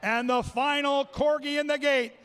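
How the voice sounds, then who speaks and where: Track announcer, male, very high bright voice, excitable, shouts the race call. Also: normal speed. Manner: excitable, shouts calls and names. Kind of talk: live race-call commentary. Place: racetrack.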